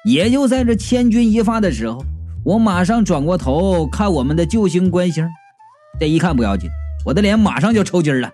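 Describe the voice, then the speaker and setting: A man reads a comedic first-person novel aloud with lively, expressive storytelling. His voice sits high and swings widely in pitch. Soft music plays faintly in the background. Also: fairly quick. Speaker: audiobook narrator.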